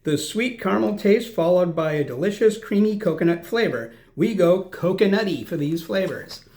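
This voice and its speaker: A man's voice: high voice, lively intonation, moderate pace, a little mellow. A man hosting a snack tasting video, reading out product notes and chatting as he chews. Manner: self-deprecating, chatty, chews while talking.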